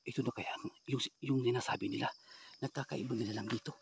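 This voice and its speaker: Hushed man narrating a night ghost hunt. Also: steady tone, quick pace, gravelly, noisy background. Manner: low, subdued voice, addressing viewers as idols. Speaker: ghost-hunting vlogger.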